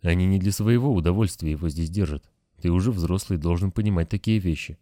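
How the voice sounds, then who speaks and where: A man voicing a tired, kindly older male caretaker who talks gently and patiently. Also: sits low, a little fast, no room sound, studio quality, natural voice. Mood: weary, gentle.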